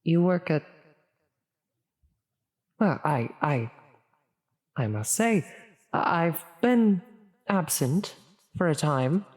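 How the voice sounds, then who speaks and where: This ASMR roleplay has a woman acting a theatrical female demon with an exaggerated, sing-song voice that is deep and darkish in tone. Long, cavernous reverb surrounds her slow, halting, formally grand speech. Though meant to menace, the grandiose character sounds more and more flustered and concerned.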